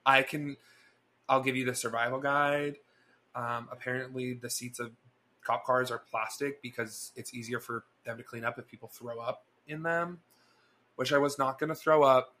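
A man's voice: mid-range voice, normal speed. A young man co-hosting a podcast, chatting casually and acting out the people in his stories. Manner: animated, chatty, acts out dialogue. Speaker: podcast co-host. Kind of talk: casual storytelling chat.

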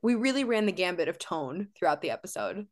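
A woman co-hosting a casual podcast, animated and laughing, often mock-outraged. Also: fairly low pitch, a little fast. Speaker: podcast co-host.

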